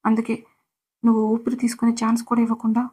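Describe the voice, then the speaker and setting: A woman's voice: fairly high pitch, completely flat delivery, fast talker, dark tone, breathy edge. A woman narrating a serialized romance story, reading every character's lines in much the same voice.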